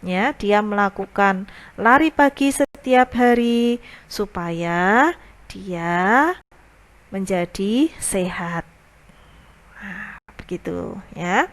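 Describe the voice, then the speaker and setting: A woman's voice: mid-range voice, expressive, extremely slow, long pauses. A woman English teacher from Indonesia, giving a recorded lesson. She reads English example sentences aloud and then translates each one patiently. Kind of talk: recorded lesson explaining grammar.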